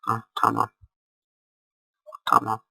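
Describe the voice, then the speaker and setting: A man talks through his game in a low, gravelly voice that stays almost level. He speaks slowly and keeps his voice deliberately quiet, with a bright edge, and drops offhand curses as he plays. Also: monotone, no room sound, poor audio. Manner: talks quietly on purpose, swears casually while playing. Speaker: gameplay commentator. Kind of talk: casual gameplay commentary.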